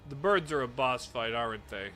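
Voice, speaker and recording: A man's voice: medium pitch, lively intonation, normal speed, a bit bright, slight background noise. A man casually commenting while playing a horror game, chatty and joking. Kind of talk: casual let's-play commentary.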